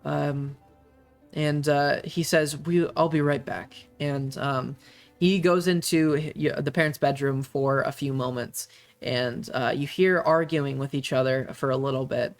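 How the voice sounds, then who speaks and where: A game master narrating a tabletop game in a hesitant way, with many pauses and fillers. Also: mid-range voice, steady tone, faint music behind.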